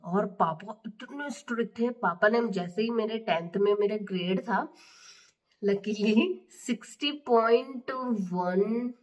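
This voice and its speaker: Young woman w marwari accent, chatty motivational story, mic a bit far off. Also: medium pitch. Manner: candid, chatty, mixes English into Hindi. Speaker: motivational speaker. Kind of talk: personal story told as motivational talk.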